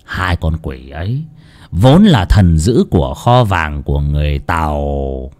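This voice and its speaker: A man's voice: extremely low pitch, sing-song, a little slow, darkish tone, exaggerated voice. A man voicing a cruel, greedy old village chief who sneers in mock-sweet tones and gloats over his killings. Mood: gloating.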